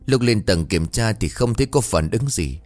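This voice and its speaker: A man's voice: on the low side, lively intonation, moderate pace, a little mellow, no echo, natural voice. A man voicing a grief-stricken older village mother who speaks in a tearful, strained way. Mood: grieving.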